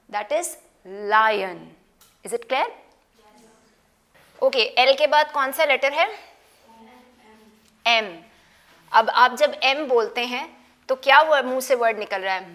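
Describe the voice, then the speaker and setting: A woman teaching a phonics lesson to children, sounding out letters slowly, asking questions and mixing Hindi-Urdu with English words. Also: on the high side, a bit bright. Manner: slow, drawn-out sounding of letters with questions to pupils. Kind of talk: slow classroom phonics lesson. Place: studio.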